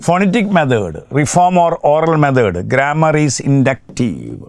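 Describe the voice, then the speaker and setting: A man with a Malayali accent teaching an exam prep lecture, dictating points slowly and then explaining fast, asking questions and answering them himself. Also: mid-range voice, big pitch swings, creaky, a little mellow, no echo, studio quality. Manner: switches between slow dictated English points and rapid explanation.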